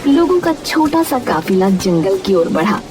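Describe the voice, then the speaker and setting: A woman's voice: mid-range voice, sing-song, a little slow, over loud music. A woman reading scripted narration for a moral story.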